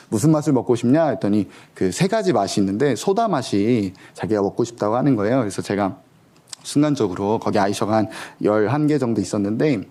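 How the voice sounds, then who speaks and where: A man's voice: mid-range voice, a little mellow. A man preaching a sermon as an education missionary, telling stories animatedly and acting out the dialogue. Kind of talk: sermon with storytelling.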